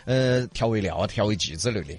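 A man's voice: on the low side, lively intonation, a little fast, slightly rough, soft background music. A man with a Sichuan accent co-hosting a casual talk show, telling earthy, joking stories with colorful exaggeration. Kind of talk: casual banter about regional food.

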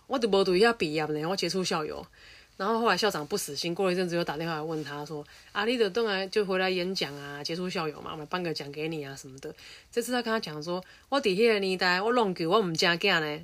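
A woman with a fairly low voice talks through a story in casual commentary. She gets animated and sarcastic and drops emphatic asides as she rants. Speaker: commentary vlogger.

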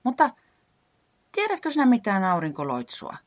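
A woman voicing a worried, excitable weatherman in a children's story, squeaky and anxious. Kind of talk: storybook character voice.

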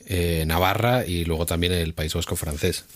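Spanish guy with a very low voice, talks things through slowly, lots of ums. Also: fairly even intonation, a little hiss or hum. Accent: Spanish from Spain. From Spain. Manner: explains at length, hesitant, many fillers. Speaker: co-host. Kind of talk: casual chat.

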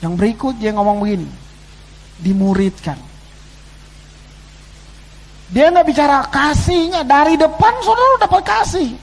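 A man preaching a sermon to his congregation, swinging between loud exclamations and quiet asides. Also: extremely high pitch, lively intonation, a little slow, creaky, long pauses, low-quality recording. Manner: addresses the congregation as "saudara". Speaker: pastor. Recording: faint background noise and hum.

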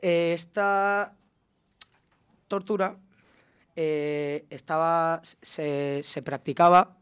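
A man presenting a short lesson segment, speaking slowly and haltingly with many fillers. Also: fairly high pitch, steady tone, a bit bright, clear, resonant tone.

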